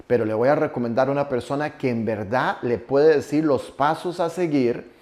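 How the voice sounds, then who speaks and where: A man's voice: mid-range voice, normal speed, darkish tone. A Costa Rican man in his forties giving a motivational conference talk, emphatic and colloquial, with local slang. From Costa Rica. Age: 40s. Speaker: motivational speaker.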